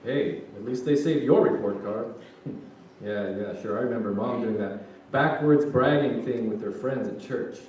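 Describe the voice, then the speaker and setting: A man's voice: medium pitch, moderate pace, a little mellow, lightly acted. A man playing a grumbling, joking middle-aged son in a staged reading, casual and colloquial. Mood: amused. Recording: echoey hall, distant mic, faint noise.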